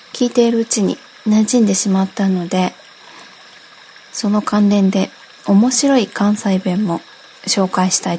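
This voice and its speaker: A woman's voice: mid-range voice, mellow, slight background noise, poor audio. A woman from Okayama hosting a casual radio talk, reading listener requests and explaining dialect phrases by reading example lines aloud. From Okayama, Japan.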